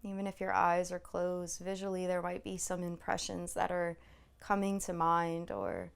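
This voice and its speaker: Leading a guided body scan, a woman meditation instructor sounds soothing and gently reassuring, taking her time and leaving long pauses. Her voice sits low, gravelly yet clear, with a resonant tone.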